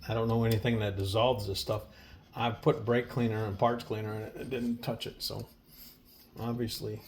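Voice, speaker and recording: Low-pitched man with machine noise behind. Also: flat delivery, moderate pace. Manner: folksy, plain-spoken. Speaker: mechanic. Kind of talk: casual hands-on repair demonstration. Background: air compressor and workshop tool noise.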